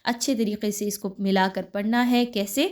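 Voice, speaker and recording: A woman teaches tajweed, patiently explaining pronunciation step by step and then reciting examples slowly and drawn out. Her mid-range voice has fairly even intonation and a darkish tone.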